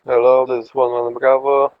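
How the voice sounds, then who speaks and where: A man's voice: medium pitch, completely flat delivery, moderate pace, a little hiss or hum. A man hesitantly making military radio checks in a game, his voice coming over a muffled radio. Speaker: squad member in training.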